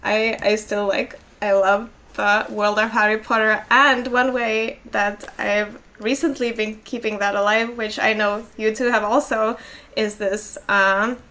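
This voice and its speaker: This time the Finnish co-host, a young woman and native speaker, talks in a mid-range voice that stays fairly flat, a little slow, and sounds pushed and bright. Her casual podcast chat is still loaded with "like" and light laughter.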